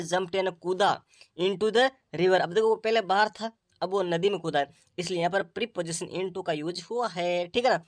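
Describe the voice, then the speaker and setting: A man with an Indian accent teaches English through a story, reading the English words in a slow, deliberate way. He then explains them more quickly. His voice is recorded close and dry, with no room sound. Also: high-pitched, no room sound. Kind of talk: Hindi-English story lesson.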